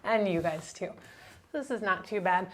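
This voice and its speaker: A woman teaching a yoga class, giving calm step-by-step cues for breath and movement. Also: mid-range voice, moderate pace. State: slightly out of breath at times. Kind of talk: guided yoga class instruction.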